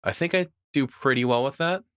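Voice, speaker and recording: A man's voice: mid-range voice, fairly quick, a bit bright, clear, resonant tone, no room sound, studio quality. A man co-hosting a podcast, chatting casually and opinionated about audio gear. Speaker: podcast co-host.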